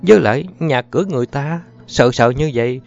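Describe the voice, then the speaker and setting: A man voicing a brusque, impatient adult man who grumbles and scolds quickly. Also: medium pitch, creaky, darkish tone, voice pushed up, natural voice. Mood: grumbling. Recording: muffled audio with faint music.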